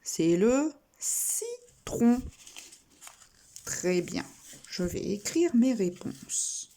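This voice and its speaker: A woman teaching a recorded primary school reading lesson, talking slowly and deliberately and spelling out letters and sounds one at a time. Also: a little high, sing-song, mellow, a little hiss or hum.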